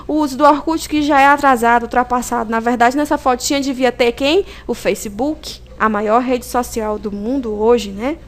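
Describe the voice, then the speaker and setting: In this informal recorded lecture, a woman with a high, Brazilian Portuguese–accented voice explains things didactically, raising questions she then answers and checking in with frequent tag questions. Her intonation stays fairly even, her pace is moderate, and she pauses little.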